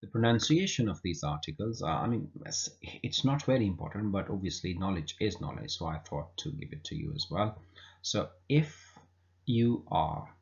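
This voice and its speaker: Male grammar teacher, very low voice, patient and repetitive delivery, dull lo-fi sound. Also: animated, moderate pace, vocal fry. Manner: patient, repeats himself with fillers. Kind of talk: explanatory lesson. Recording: dull lo-fi recording.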